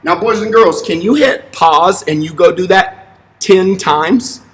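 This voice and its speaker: A man's voice: high voice, measured pace, a bit bright. A young man, a gym teacher, giving children upbeat, encouraging exercise instructions in short simple directions. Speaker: elementary physical education teacher. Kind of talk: instructional fitness demonstration for children. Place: large empty indoor school gymnasium. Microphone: camera a few steps away. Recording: echoey gym, distant camera mic.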